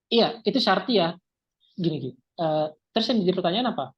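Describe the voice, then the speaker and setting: A man's voice: high voice, expressive, fairly quick, breathy edge, dull audio. A man teaching an Arabic grammar lesson in an online class, his voice breaking up over a choppy call. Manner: patient, explaining with casual fillers. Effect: choppy, breaking-up online call audio. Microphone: video call.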